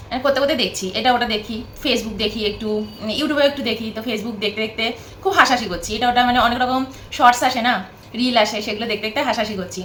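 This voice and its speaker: Fast-talking chatty woman in an echoey room. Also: a little high, fairly bright tone, slight background noise. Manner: chatty, rambling, repeats herself. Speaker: vlogger. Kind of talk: casual chat to camera. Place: at home, sitting on the bed.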